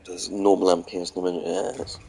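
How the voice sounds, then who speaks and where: In a low-quality recording, a man streams a game and chats with viewers in a low, warm, husky voice with vocal fry, little pitch movement and a slightly fast pace. He rambles between chat answers and gameplay remarks, full of ums and restarts, while nursing a slight sore throat and blocked nose.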